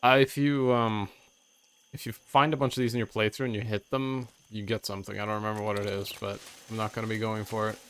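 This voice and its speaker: Low-voiced casual male gamer. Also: little pitch movement, fast, fairly bright tone, clear, resonant tone. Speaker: let's player. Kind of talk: casual game commentary.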